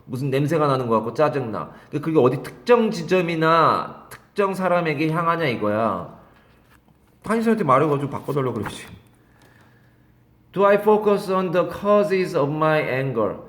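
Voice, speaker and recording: A lively middle-aged man teaching English for an upcoming exam, with a somewhat high voice that swings widely in pitch. He reads English phrases slowly, then explains them and throws questions at his students. His voice rings in an echoey room. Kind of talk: exam-prep English lecture.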